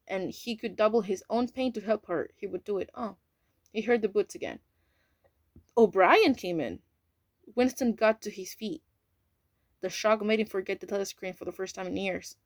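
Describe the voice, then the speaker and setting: An audiobook reader with a mid-range voice narrates at a moderate pace in a dry, clean studio recording. Her reading is casual, with slips and asides along the way.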